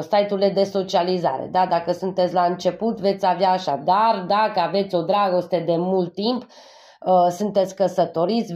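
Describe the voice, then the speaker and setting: A woman's voice: fairly low pitch, a little mellow. A woman from Transylvania doing a tarot reading for her viewers. She is a little congested from a cold, speaks to them fondly and keeps checking in with a questioning "yes?". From Transylvania, Romania. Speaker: tarot card reader. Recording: dull lo-fi recording.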